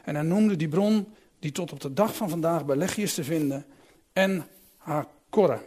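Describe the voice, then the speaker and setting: A man's voice: a little high, moderate pace, darkish tone. A man reading a Bible passage aloud and then explaining it in a musing, conversational way with a few restarts.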